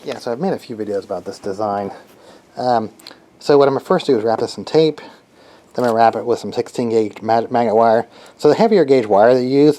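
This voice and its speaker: A hobbyist builder with a warm, fairly low voice gives a casual, unscripted how-to, halting and thinking aloud as he works with his hands.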